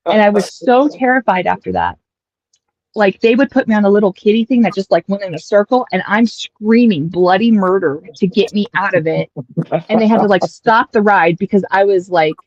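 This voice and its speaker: A woman's voice: mid-range voice, no room sound. American woman, 30s, casual streamer storyteller, acts out quotes; lo-fi, dry close mic. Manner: chatty, animated anecdote telling with acted-out quotes.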